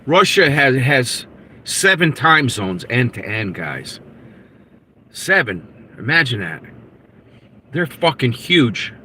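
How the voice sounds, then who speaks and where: A man of sixty hosting a live podcast, talking in a rambling, halting way with many fillers and restarts. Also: mid-range voice, very animated, sharp tone, a little hiss or hum. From United States. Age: 60s. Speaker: podcast host reading live chat. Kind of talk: casual live-stream chat.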